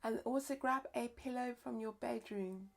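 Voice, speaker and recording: A woman leading a live-streamed yoga nidra session as teacher and therapist, speaking softly and slowly, often dropping into a whisper. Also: fairly high pitch, gravelly. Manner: soft, slow, often whispered delivery. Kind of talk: live-streamed guided relaxation instruction.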